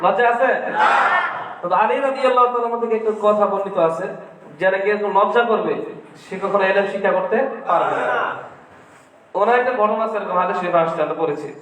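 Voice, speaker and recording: A high-pitched male teacher leads a Quran reading class and keeps asking his pupils questions that he answers himself. His voice rings through a large, echoey hall with a long reverb. He sounds as if he stands some distance from the microphone. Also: fast talker, long pauses, a crowd in the background, noisy background. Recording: echoey hall, far from the mic.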